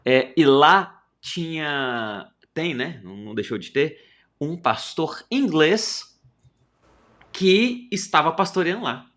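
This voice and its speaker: A man's voice: a little high, slow. A man on a casual podcast telling a story with frequent self-corrections. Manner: animated anecdote with self-corrections. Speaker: podcast co-host.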